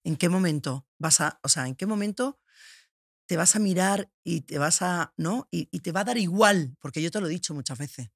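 A woman host interviews a guest in a studio, her voice slightly husky. She probes gently and keeps checking for agreement. The recording is dry and close-miked. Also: on the low side, animated, normal speed, no echo. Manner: probing and supportive, with many filler tags. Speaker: podcast host. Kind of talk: interview conversation. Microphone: studio mic.

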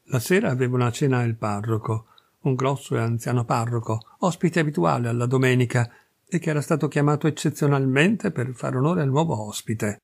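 A man reading a classic short story aloud as an audiobook, with measured, expressive narration. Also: medium pitch, creaky, breathy edge. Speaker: reader.

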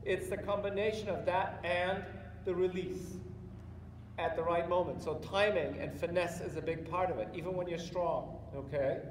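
A high, fairly even-toned voice at a moderate pace comes from a middle-aged man coaching a rider live in a large indoor arena during a riding clinic. He keeps his instructions short and encouraging and explains patiently. The distant spectator's camera yields an echoey recording with loud noise in the background.

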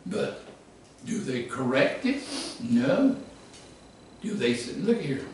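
A man preaching a sermon, emphatic, rising to shouts and dropping low. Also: very animated, slow, a little hiss or hum. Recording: echoey hall from far off.

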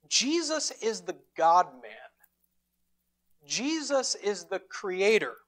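A man preaching a sermon as pastor, retelling a scripture story with dramatic emphasis and deliberate pauses. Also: high voice, fairly bright tone. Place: church sanctuary.

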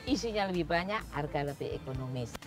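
Woman cooking-show host, outdoors, lapel mic, lively pitch, music playing behind. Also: a little fast. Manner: chatty, instructive, keeps addressing the audience as "Bu". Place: outdoor street cooking stage.

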